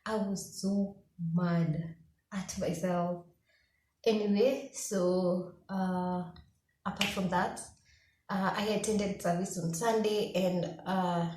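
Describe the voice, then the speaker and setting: Young Kenyan woman vlogger, mellow tone, roomy echo, animated candid storytelling. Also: medium pitch. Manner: animated storytelling, acting out her own past thoughts. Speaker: law student vlogger. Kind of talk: candid personal vlog. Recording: echoey room.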